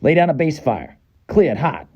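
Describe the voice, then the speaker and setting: Man acting a clipped Boston-accented soldier, swooping pitch. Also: sing-song, unhurried, darkish tone, husky, dull audio, full character voice. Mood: urgent, commanding. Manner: clipped, urgent military delivery. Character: male American soldier barking combat radio callouts, tough. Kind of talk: video game military voice acting.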